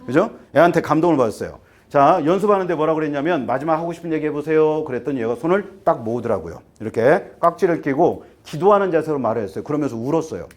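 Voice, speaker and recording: A man in his fifties, an academy teacher, briefing parents in a lively lecture, firing rhetorical questions and getting worked up until he trips over his words. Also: on the high side, fast. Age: 50s. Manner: animated, rhetorical questions, acts out students and parents.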